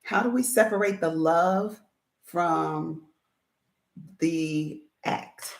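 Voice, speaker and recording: A woman host with a lowish voice speaks slowly and in a measured way as she puts questions to her guest. Her voice carries the echo of a reverberant room. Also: vocal fry. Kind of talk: interview questions. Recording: echoey room.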